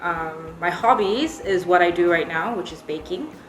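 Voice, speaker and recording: A woman's voice: lowish voice, moderate pace. A young woman from Singapore with an American accent, a baker answering interview questions in a chatty way with lots of ums. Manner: chatty, laughs easily, many ums. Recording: echoey room with music behind.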